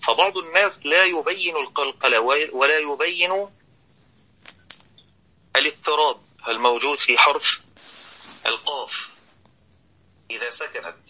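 A man giving a tajweed recitation lesson, explaining each rule deliberately and demonstrating how the sounds should be made. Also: fairly high pitch, bright, forceful tone, highs cut off. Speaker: Quran recitation teacher.

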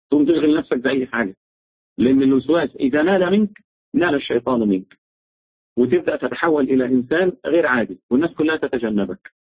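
A man with an Egyptian Arabic accent giving informal religious advice, explaining with everyday examples and rhetorical questions in a husky voice. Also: medium pitch, no echo. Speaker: religious speaker. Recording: dry phone-like lo-fi sound.

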